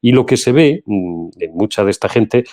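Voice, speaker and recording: A man's voice: lively intonation, normal speed, a little mellow. A man with a Castilian Spanish accent hosting a political commentary show, talking emphatically and with indignation. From Spain. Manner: emphatic, indignant, pitch rising when heated. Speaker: host.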